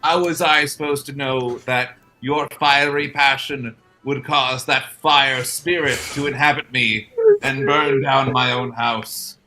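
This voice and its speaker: Guy doing a teary town guard hamming it up, loud, fake scottish accent, slow. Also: mid-range voice, fairly even intonation, soft background music, poor audio. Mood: overwrought. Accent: failed attempt at Scottish. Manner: loud, theatrical public apology. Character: overwrought, tearful disguised male town guard.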